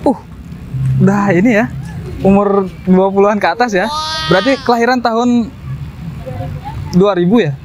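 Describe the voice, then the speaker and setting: A man's voice: sits high, steady tone, normal speed, pauses often, highs cut off, background noise. A man in his twenties chatting and explaining as a street interviewer, recorded outdoors by a road. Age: 20s. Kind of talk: casual street chat.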